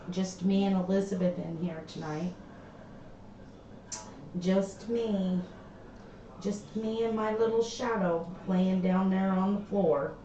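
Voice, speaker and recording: Speaking in a warm, medium-pitched voice, a woman hosts a casual craft-room livestream, slow and chatty, letting sentences trail off. The echoey, dull lo-fi audio carries faint background noise and a hollow, tin-can tinniness.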